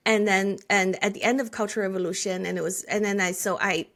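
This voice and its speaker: A Chinese woman in her forties, speaking with a Chinese accent, is a guest in a conversational interview, earnestly recounting her life story with frequent restarts and filler words. Her mid-range voice is steady and a bit bright, and she talks fast.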